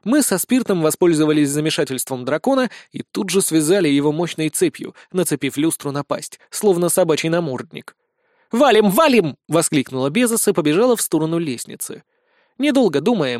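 A man's voice: on the high side, brisk, dry recording. Young man narrating a fantasy audiobook. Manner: lively, storytelling with dry humor.

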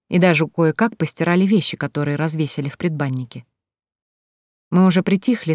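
Low-voiced woman narrating a story. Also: dry recording, clean studio sound. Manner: lively storytelling, voicing each character. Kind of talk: audiobook narration.

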